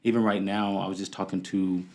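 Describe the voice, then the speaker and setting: A young man talks in a low, deep register. He rambles earnestly through his answers, leaning on "you know" and "um" as he goes. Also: flat delivery, brisk, a little mellow. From Amarillo, Texas. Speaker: guest, MMA fighter. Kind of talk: casual interview chat.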